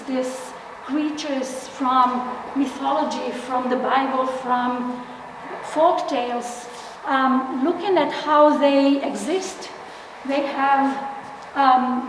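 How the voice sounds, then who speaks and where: A middle-aged woman from Israel gives an artist talk in a large gallery hall, her fairly high voice pausing often on fillers and restarting phrases. She is picked up from a distance, so the hall rings with long, heavy echo and a clear layer of room noise sits behind her. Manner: hesitant, many fillers and restarts. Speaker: exhibiting artist. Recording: echoey hall, distant from mic, noisy.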